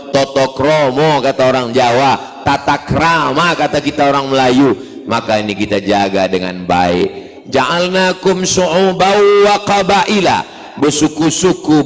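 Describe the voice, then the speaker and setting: A man, giving a humorous sermon, animated and jokey, swinging between high exclamations and low asides. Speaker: preacher. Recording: reverberant hall sound.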